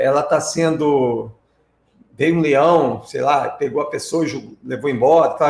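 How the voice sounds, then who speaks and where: A high-pitched man with a Brazilian Portuguese accent teaches English over a live stream. He walks through the material step by step, checking in with viewers through tag questions, and the audio sounds roomy.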